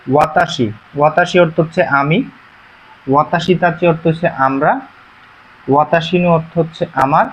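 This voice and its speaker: A man teaching a beginner language lesson, explaining slowly and repeating himself, with frequent "ah" fillers. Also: a little high, fairly even intonation, a little hiss or hum. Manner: slow, repetitive explaining with many pauses and "ah" fillers. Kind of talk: classroom-style lesson. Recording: dull, muffled recording.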